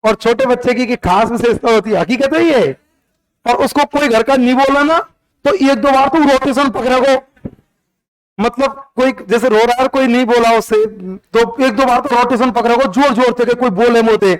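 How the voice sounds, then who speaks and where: A man with a high, clear voice teaching a class in a classroom. He talks in a chatty, teasing way with his pupils as he tells the history lesson. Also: steady tone, moderate pace, low-quality recording.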